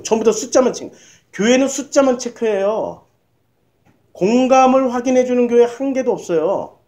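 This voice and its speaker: A man's voice: sits high, a little mellow. A male pastor giving a sermon in a church, hammering home points with repeated rhetorical questions to the congregation.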